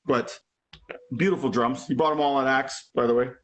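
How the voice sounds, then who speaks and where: A guest drummer in his forties from Alberta, Canada, chats casually over a video call, rambling with plenty of "you know" and "like." His mid-range voice is a bit bright, with fairly even intonation and a normal speed.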